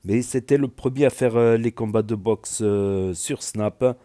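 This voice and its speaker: A mellow, medium-pitched male voice moving at a measured pace, with a southwestern French accent. He's a YouTube news commentator rambling through casual reaction commentary, constantly restarting and dropping fillers like "euh" and "voilà."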